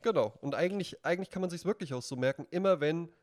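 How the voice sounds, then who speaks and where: A man from central Hesse co-hosting a casual podcast chat, chatty and quick to laugh, explaining grammar rules at length. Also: a little high, no echo, clean studio sound. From central Hesse, Germany. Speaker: podcast co-host.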